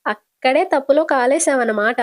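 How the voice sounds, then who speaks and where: Teasing kid sister with a raised, bright pitch, as a woman storyteller voices her, casual serial retelling. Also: moderate pace, natural voice. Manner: teasing, affectionate. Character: cheerful young woman hospital accountant, younger sister.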